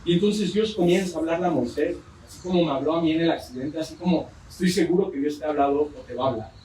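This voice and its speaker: A man's voice: a little high, fast talker, warm tone, slight background noise. A man with a Mexican accent preaching a sermon, telling a story with joking asides. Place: church. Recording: roomy church hall from far off.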